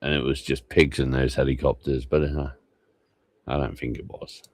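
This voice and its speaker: A man's voice: rumbling low, little pitch movement, normal speed, a crowd in the background. A tired man rambling and swearing casually as he streams live reaction commentary. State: tired, low energy.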